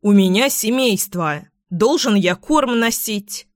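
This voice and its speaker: Angry male sparrow from a storybook, read by a woman, slow indignant shouting, dry close sound. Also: mid-range voice, animated, no echo. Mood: furious. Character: hot-tempered male sparrow, shouting in fury.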